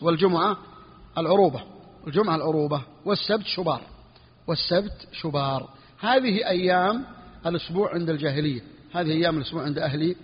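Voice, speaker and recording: A man teaching a lesson on Islamic jurisprudence, repeating each phrase for his students and clearing his throat now and then. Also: fairly high pitch. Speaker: sheikh teaching Hanbali jurisprudence. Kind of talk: classroom lesson on a fiqh text. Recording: dull, lo-fi recording with long reverb.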